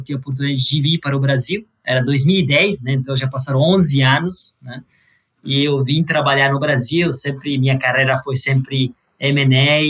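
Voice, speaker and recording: A native Italian speaker from Sicily, this man has a mid-range, slightly bright voice and an Italian accent. He's a corporate venture executive appearing as an interview guest, explaining things and often tacking on small tag questions.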